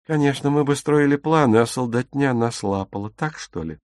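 A man's voice: mid-range voice, normal speed, a little mellow, no room sound, clean studio sound, voice pushed up, natural voice. A man voicing a fierce, commanding young woman. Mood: bitter. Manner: commanding, scornful. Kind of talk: audiobook character reading.

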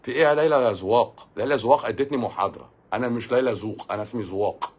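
An Egyptian man hosting a casual live stream, answering viewer comments with quick jokes. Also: medium pitch, husky. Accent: Egyptian Arabic. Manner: quick, joking, reads viewer comments aloud.

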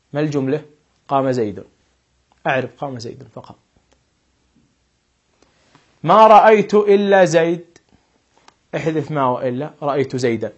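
Husky-voiced man teaching grammar. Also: mid-range voice. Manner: explanatory, stresses quoted examples slowly and loudly. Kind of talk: classroom grammar lesson.

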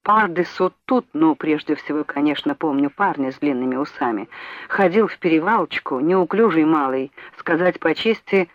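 A woman's voice: low-pitched, lively intonation, moderate pace, dry recording. A woman voicing a chatty middle-aged French café waiter who tells a story in a folksy, confiding way. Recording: dull lo-fi audiobook recording, dry.

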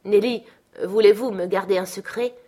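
A woman's voice: medium pitch, steady tone, normal speed, dark tone, natural voice. A woman voicing a capricious, petulant young woman in an audiobook, pleading and insistent. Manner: urgent and insistent. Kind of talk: audiobook character reading.

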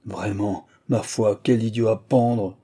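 A proud, sharp-tongued mother scolds her household with open scorn, as a man reading aloud puts her on. Her voice stays dark and husky, the tone indignant and cutting. It is a storybook reading. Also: lowish voice, steady tone, slow.

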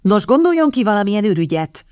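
A woman voicing a quick-witted young woman who speaks in a cutting, impatient way. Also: on the low side, big pitch swings, a little mellow, no echo, clean studio sound. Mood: tart.

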